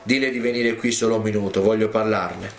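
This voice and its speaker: Man as old prophet, weary, fatherly, tender, low voice, sermon storytelling. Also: steady tone, fast, vocal fry, echoey room, a little hiss or hum. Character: weary old male prophet, gentle and kindly.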